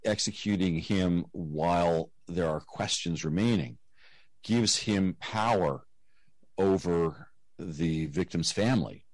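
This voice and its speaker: A man giving measured, explanatory answers as an interview guest, heard through low-quality video call audio. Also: a little mellow, no room sound. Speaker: interview guest, nonprofit director.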